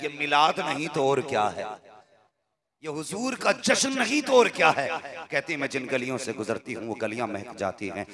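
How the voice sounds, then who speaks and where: A man preaching a devotional sermon, telling a story dramatically and rising to impassioned calls to the listeners. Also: mid-range voice. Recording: live event with a crowd audible.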